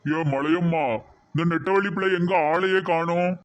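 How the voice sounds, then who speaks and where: A woman's voice: lowish voice, steady tone, normal speed, lo-fi sound, background noise, pitched below the performer's own voice, lightly acted. A woman voicing a bossy, suspicious old father in a cartoon, with a Tirunelveli Tamil accent and a scolding manner. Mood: angry scolding. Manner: scolding, demanding.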